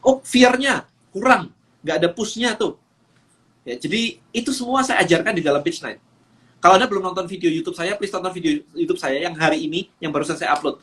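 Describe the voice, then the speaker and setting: A man's voice: a little high, fast talker, fairly bright tone. A man coaching on a live stream, talking energetically and mixing English phrases into his speech with frequent fillers. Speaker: business coach.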